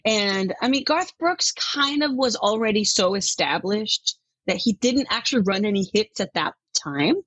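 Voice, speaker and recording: Husky Danish-raised woman chatting. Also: medium pitch, normal speed, no echo. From Denmark. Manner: chatty and animated, laughs often. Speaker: country music artist, guest. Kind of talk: casual interview talk.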